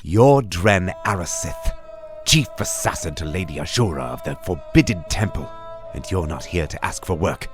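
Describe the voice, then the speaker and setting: A man voicing a fierce young woman gang leader who talks in a sharp, demanding, cutting way. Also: low voice, expressive, normal speed, over music. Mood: cold accusing.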